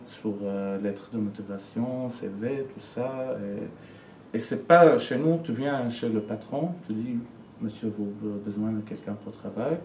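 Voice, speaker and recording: Recorded through a distant mic in a roomy room with faint noise, a Syrian man in his twenties gives casual interview testimony in French, which he learned later, hunting for words but speaking with conviction. His voice is on the low side with a darkish tone.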